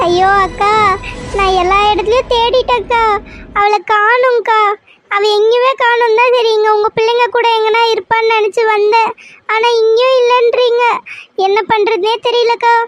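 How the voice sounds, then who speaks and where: A woman's voice: extremely high pitch, steady tone, moderate pace, over loud music. A woman voicing a frantic, crying village mother who begs for help finding her daughter in a cartoon serial. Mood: tearful pleading. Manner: sobbing, pleading.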